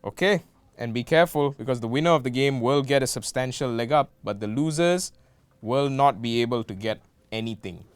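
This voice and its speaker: A man's voice: mid-range voice, brisk, clear, resonant tone, no echo. A young man hosting a student game show, playful with jokey asides. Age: young adult.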